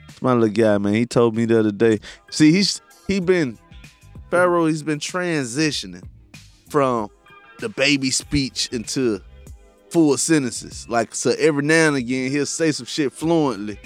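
A man co-hosting a podcast in relaxed, profane chat, laughing often. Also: mid-range voice, measured pace, soft background music. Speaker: podcast host.

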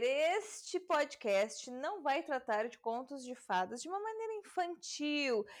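Late at night at home, a high-pitched woman hosts her homemade podcast on a home mic, reading fairy tales aloud and commenting on them. Her take is casual and irreverent; she swears often and laughs at herself.

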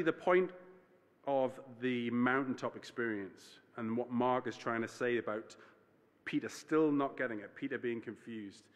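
A man's voice: mid-range voice, a bit bright. A man preaching a sermon in church, talking in a conversational way, explaining scripture plainly and correcting himself as he goes. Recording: reverberant church hall.

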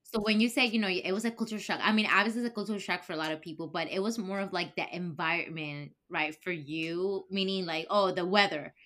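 A young woman from Ecuador hosting a relaxed podcast interview. Her voice is bright and crisp yet sits a little low. She keeps the talk flowing with small affirmations and tags like "right?". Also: a little fast, few pauses. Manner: affirming, many "right?" and "mm-hmm". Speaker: podcast host. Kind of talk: casual interview chat.

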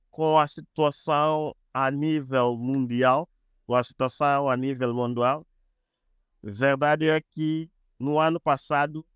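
A man chatting as a podcast guest, explaining things deliberately and repeating phrases. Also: a little high, smooth, dry recording, studio quality. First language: Portuguese. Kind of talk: casual explanatory chat.

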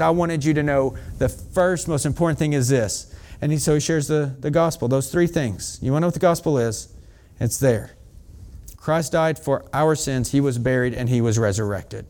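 Excited man preaching a sermon. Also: on the high side. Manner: excited, fast-talking preaching with asides to the congregation. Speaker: pastor. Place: church.

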